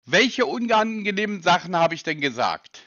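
Man, high lively voice, bright and dry, dull lo-fi sound, pedantic and sarcastic on the phone. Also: normal speed, no echo. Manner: insistent, pedantic and sarcastic questioning. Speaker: person being called by a sales agent. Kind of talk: phone call argument.

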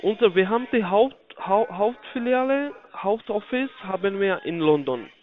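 Over a dull, lo-fi phone line, a high-voiced man who is a non-native speaker, not German, delivers a sales pitch with a foreign accent. He's expressive, his intonation swinging widely, and he repeats himself in halting, grammatically broken phrases.

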